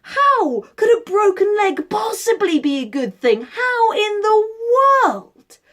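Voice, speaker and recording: Woman doing a gushy folktale villager, really high and dramatic, full of exclamation. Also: big pitch swings, slow pace, fairly bright tone, heavily acted. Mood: incredulous. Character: gushing, pitying village neighbours, dramatic and exclamatory. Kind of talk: oral storytelling.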